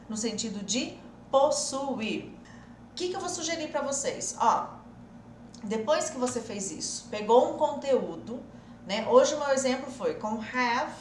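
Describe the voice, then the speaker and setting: A woman's voice: sits high, echoey room, slight background noise. A Brazilian woman teaching English in an online lesson, coaxing and explaining step by step. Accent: Brazilian Portuguese.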